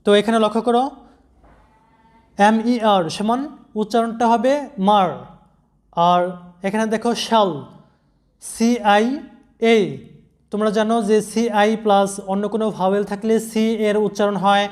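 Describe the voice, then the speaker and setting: A man's voice: high-pitched, level tone, normal speed, pauses often. A man teaching English pronunciation in an online lesson, patiently spelling out words letter by letter.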